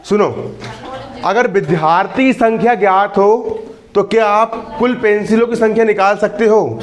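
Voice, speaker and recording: This maths teacher, a man in his early twenties with a high voice, speaks at a measured pace over slight background noise. Repeating his questions again and again, he teases and scolds the students who fill the classroom.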